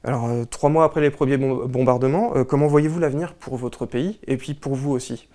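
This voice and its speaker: A man's voice: medium pitch, mellow. A man hosting a local weekly newspaper show, presenting the issue and then interviewing a guest with hesitant questions. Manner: brisk read-through, then hesitant questions. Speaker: host.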